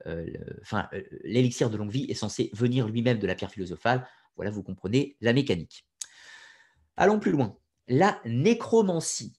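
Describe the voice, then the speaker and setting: A man's voice: mid-range voice, darkish tone, breathy edge. A man giving an informal spoken lecture, conversational and opinionated, with frequent hesitations. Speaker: lecturer on occult history.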